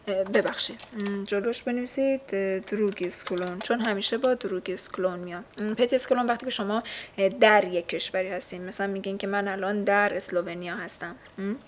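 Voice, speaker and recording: A woman's voice: medium pitch, slight background noise. Patient woman teaching vocabulary. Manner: patient, hesitant, frequent filler sounds. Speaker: language teacher. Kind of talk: casual vocabulary lesson.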